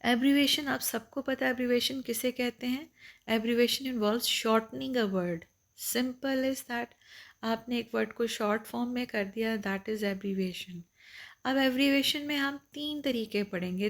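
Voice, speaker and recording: A woman teacher, her voice carrying a gravelly edge. She lectures patiently, going over each point twice and slowing down to read English definitions aloud. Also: high voice. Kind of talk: explaining lecture.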